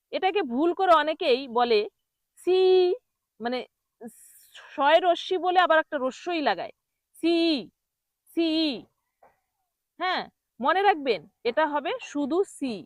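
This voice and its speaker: Woman, language teacher, high voice, slow drilling repetition, quiz questions, dry recording. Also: no room sound. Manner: repeats words slowly, quizzes the listener. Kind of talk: pronunciation lesson.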